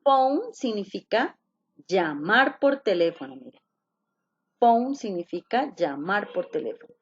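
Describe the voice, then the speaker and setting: A woman's voice: mid-range voice, very animated, a little slow, lo-fi sound, slight background noise. A woman teaching an online English class, explaining patiently, repeating key points and asking her students questions.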